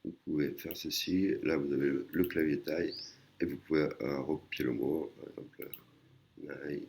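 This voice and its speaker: A man with a very deep, gravelly voice teaches in a relaxed, hesitant way and keeps restarting his sentences. He explains each point patiently and adds little tag words as he goes. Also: moderate pace, a little hiss or hum. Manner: hesitant, many fillers and restarts. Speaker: language teacher. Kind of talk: casual screen-recorded lesson.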